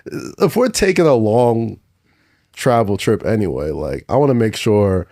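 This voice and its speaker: Chill guy guesting on a podcast, kinda low voice, slangy and laughing, studio mic. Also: big pitch swings, unhurried, warm tone, no echo. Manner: laid-back, slangy, laughs often. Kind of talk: casual chat.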